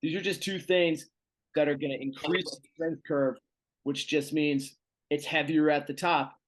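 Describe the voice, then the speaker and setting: A man's voice: a little high, fairly even intonation, unhurried. A man as strength coach giving a virtual seminar lecture, talking casually through slides with fillers, over a video call.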